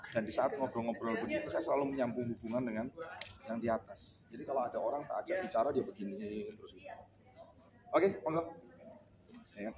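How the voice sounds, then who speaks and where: A man's voice: medium pitch, a little fast, long pauses. A male business coach gives a motivational talk at a sales meeting. He keeps asking the room "ya kan?" and acts out sales conversations. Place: indoor meeting room with a live audience. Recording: crowd reacting in the room. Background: audience laughter.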